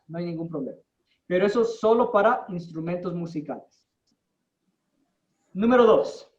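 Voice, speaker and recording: Man teaching, far off in an echoey room. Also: high voice. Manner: slow, deliberate explaining, checks in with students. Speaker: English teacher. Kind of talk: classroom teaching in Spanish. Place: classroom with students. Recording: distant, roomy, dull-sounding.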